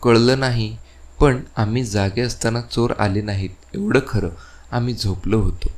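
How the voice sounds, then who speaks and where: A man's voice: medium pitch, fairly even intonation, measured pace, natural voice. A man reading the part of a meek neighbour, a government clerk, who answers humbly. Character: meek neighbour, heavy snorer, humble before authority.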